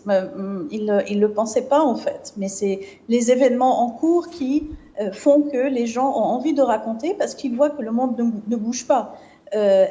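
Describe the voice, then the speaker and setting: A woman's voice: fairly high pitch, warm tone. A woman born in exile to refugee parents, a guest in a TV interview, speaking with many hesitations and restarts. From born in exile to Palestinian refugees.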